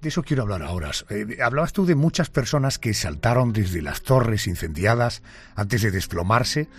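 A man hosting a broadcast interview and narrating in a measured presenter's way. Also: fairly low pitch, sing-song, breathy edge, soft background music.

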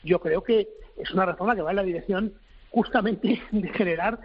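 High-voiced man speaking haltingly. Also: slightly rough. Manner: halting, hesitant, searching for words. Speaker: government official. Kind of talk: interview answers. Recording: dull lo-fi recording.

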